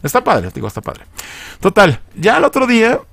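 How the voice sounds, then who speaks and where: Brief: male reviewer, slangy casual recap, very lively pitch, dry close mic. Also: normal speed, gravelly, dry recording. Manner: slangy, animated, acts out quoted lines in shifting voices. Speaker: video reviewer.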